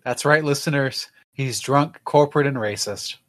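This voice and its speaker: A man's voice: medium pitch, normal speed. A man narrating as game master in a tabletop game, rambling and wry, with many fillers.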